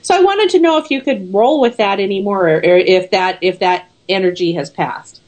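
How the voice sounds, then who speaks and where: A woman's voice: medium pitch, moderate pace, a little mellow. A woman radio host interviewing a guest in a conversational way.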